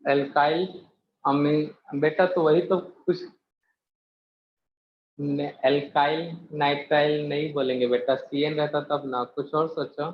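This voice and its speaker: Male chemistry teacher, slightly high voice, quizzes the class; echoey room, dull lo-fi sound. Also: flat delivery, slow pace, pauses often. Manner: quizzes students, calls them beta. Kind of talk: classroom lecture. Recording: echoey room, muffled, faint hiss.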